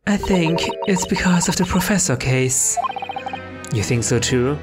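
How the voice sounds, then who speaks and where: A man's voice: fairly high pitch, animated, unhurried. A man commenting casually as he plays through a video game, with chatty, sarcastic asides. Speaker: let's play host. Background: game music.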